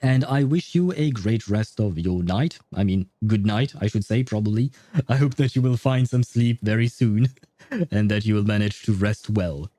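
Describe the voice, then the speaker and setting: A man streams gameplay with faint music in the background, making relaxed, rambling, polite conversation with viewers in English, which isn't his first language. His lowish voice is mellow, his speed normal, and the recording has no echo.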